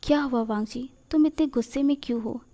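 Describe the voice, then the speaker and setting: A woman voicing a scheming, jealous young man who quietly poisons a friend's mind, read in a storybook manner. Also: high voice, brisk, natural voice.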